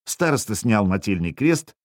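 A man narrates a first-person audiobook with a wry, expressive edge. His voice sits on the low side yet moves through a wide, animated range. The recording is dry and close. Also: normal speed, dry recording.

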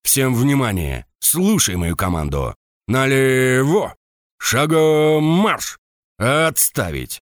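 A man voicing a hoarse, bullying drill sergeant who barks crude insults and commands at his soldiers in an audiobook. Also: medium pitch, big pitch swings, a little slow, no echo, studio quality. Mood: barking, scolding. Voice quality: hoarse barking shouts.

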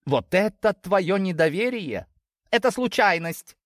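A man voicing a fed-up, sharp-tongued young female sheep who snaps and gets exasperated. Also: high-pitched, expressive, measured pace, dry recording, clean studio sound, pitched above the performer's own voice. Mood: irritated. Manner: exasperated, snapping.

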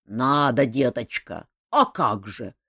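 Woman doing a gruff swaggering cossack mage. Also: rumbling low, no echo, clean studio sound, full character voice. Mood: defiant. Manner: slow, loud and gruff. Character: brash swaggering male cossack mage, grumbling.

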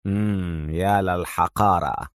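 A man voicing a calm, cold, contemptuous male crime boss who speaks slowly and coolly in a storybook reading. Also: mid-range voice, no room sound, studio quality, natural voice. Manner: cool, slow, contemptuous.

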